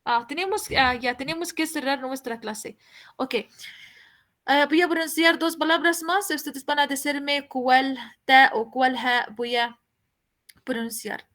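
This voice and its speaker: A woman's voice: sits high, fairly even intonation, unhurried, a bit bright. A woman teaching a language class, explaining patiently, repeating each point and asking her students questions. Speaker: Arabic teacher.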